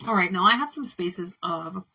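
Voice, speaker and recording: A woman's voice: fairly low pitch, lively intonation, normal speed, pushed and bright, breathy edge, low-quality recording. A woman delivering an impassioned spiritual monologue, fiery and profane, building repeated chant-like affirmations. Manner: fiery, swearing, chant-like repetition. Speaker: spiritual speaker.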